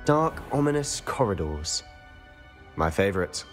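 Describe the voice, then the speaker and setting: An actor playing a teasing, sardonic young wizard student in video game dialogue. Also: male voice, on the low side, big pitch swings, unhurried. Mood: wry. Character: young male wizard student, wry and restless. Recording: game audio with loud music.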